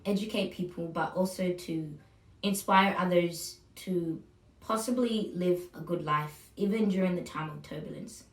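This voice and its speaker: Reflective young woman in a roomy space. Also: lowish voice. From Burundi. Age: 20s. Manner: reflective, halting, many fillers and restarts. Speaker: speaker sharing her life story. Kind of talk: personal testimonial talk. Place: room where she records her video. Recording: roomy, slightly distant mic.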